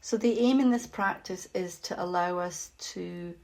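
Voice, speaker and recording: A woman with a fairly low voice leads a guided meditation, speaking gently and slowly. Long pauses punctuate her soft delivery, which becomes breathy at the ends of phrases.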